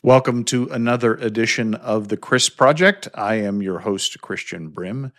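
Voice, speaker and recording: A man hosting a podcast and chatting with a guest in a relaxed, self-deprecating, conversational way. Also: fairly low pitch, moderate pace. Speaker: podcast host. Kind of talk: casual interview chat.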